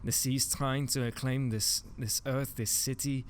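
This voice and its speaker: A man's voice: mid-range voice, level tone, a little slow, slight background noise. Urgent, pleading man playing his character. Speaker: player. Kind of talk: in-character tabletop role-play.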